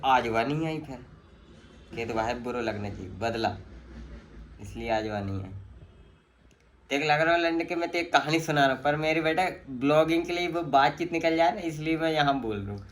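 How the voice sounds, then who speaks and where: A man's voice: mid-range voice, a little hiss or hum. Rambling young man telling a story. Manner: rambling storyteller, slangy, acts out quotes. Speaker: vlogger. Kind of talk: casual chat to camera.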